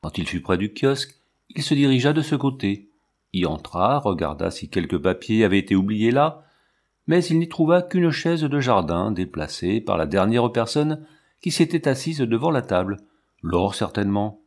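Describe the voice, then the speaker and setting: Man, audiobook narrator, classic novel, measured, lowish voice. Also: sing-song, darkish tone.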